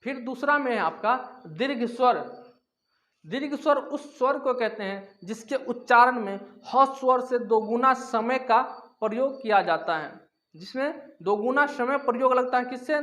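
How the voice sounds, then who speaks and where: A man with a very high voice teaches a grammar lesson at a steady classroom pace. He explains each term step by step, poses questions and answers them himself, and repeats the key words for emphasis. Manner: repetitive, asks and answers own questions.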